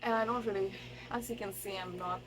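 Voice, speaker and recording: A young woman, a student, chatting casually to her camera in a vlog, excitable and gushing at times, sometimes quiet and self-conscious. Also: medium pitch, a little fast, slight background noise, rough recording. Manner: chatty, excitable, gushing over cute things. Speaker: vlogger and student.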